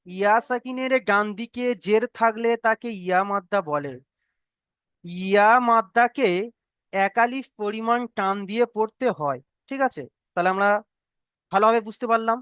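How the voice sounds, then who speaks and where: An online Quran reading teacher who goes over each letter rule slowly. The teacher repeats every point several times and keeps checking that the students follow. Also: medium pitch, fairly bright tone, clear, resonant tone, no echo, muffled recording. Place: online video class, students on mute.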